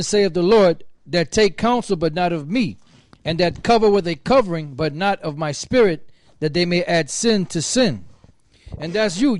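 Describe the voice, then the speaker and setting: Higher-voiced man reading scripture, scolding. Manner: scolding, hesitant with fillers. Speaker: speaker in a religious open forum.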